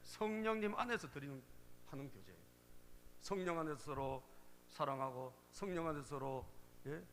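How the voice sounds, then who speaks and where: A man's voice: a little high, expressive, normal speed, a bit bright, long reverb tail, slight background noise. A male pastor preaching a sermon, emphatic and repeatedly prompting the congregation for a response. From Korea.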